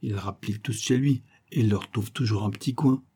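A man's voice: lowish voice, normal speed, warm tone, slightly rough. A man reading aloud as a talkative Paris wine-shop keeper in a storybook. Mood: gossipy. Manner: gossipy, talkative. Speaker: audiobook reader.

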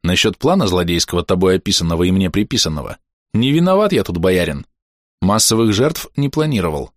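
A man's voice: lowish voice, big pitch swings, moderate pace, a bit bright, no room sound, studio quality. A man voicing a grumpy young male mage who leads a clan, hissing and muttering his replies. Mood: sighing.

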